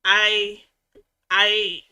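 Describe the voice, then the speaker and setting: A woman's voice: mid-range voice, flat delivery, drawn-out words, bright, forceful tone, clear, resonant tone. A woman chatting casually at home as a reaction vlogger, rambling with restarts as she recaps a show. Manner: rambling, frequent restarts and fillers.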